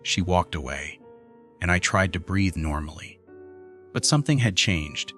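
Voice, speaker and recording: Deep-voiced man narrating a horror story. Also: lively intonation, measured pace, fairly bright tone, soft background music. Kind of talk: scripted first-person horror narration.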